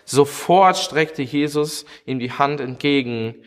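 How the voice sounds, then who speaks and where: A man's voice: fairly high pitch, slow, in a large hall. A man preaching a sermon in an earnest way, speaking straight to his listeners and often calling out "hey". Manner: earnest, direct address with frequent "hey".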